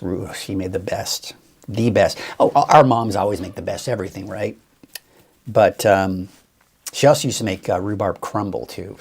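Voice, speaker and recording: Chatty lower-voiced weather host, a man. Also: gravelly, breathy edge. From Northern California. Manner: chatty, rambling, thinks aloud with fillers. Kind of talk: casual live-stream forecast chat.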